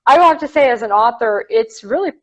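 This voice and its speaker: A woman's voice: a little high, lively intonation, quick pace. A woman author hosting a live-stream interview, asking questions and chiming in with short affirmations. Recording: dull lo-fi live-stream audio.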